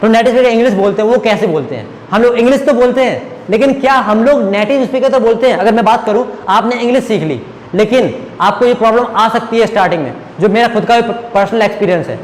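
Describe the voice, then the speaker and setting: A man's voice: high voice, fast, reverberant, long reverb tail, slight background noise. A man whose first language is Hindi, teaching spoken English and explaining step by step, often checking that students follow. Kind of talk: classroom lecture.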